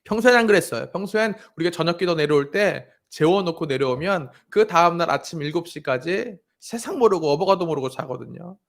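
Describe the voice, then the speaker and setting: A man's voice: fairly high pitch, animated, brisk, vocal fry, few pauses. A man in his thirties preaching a sermon as pastor, addressing the congregation directly and telling a family story. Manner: storytelling, acting out his crying daughter's voice.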